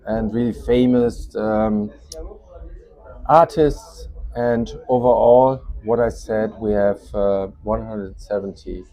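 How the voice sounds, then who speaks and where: A German-accented man showing off a product for his company speaks in a lowish, steady, mellow voice. The demo is informal, and his non-native English is halting, with searching phrasing.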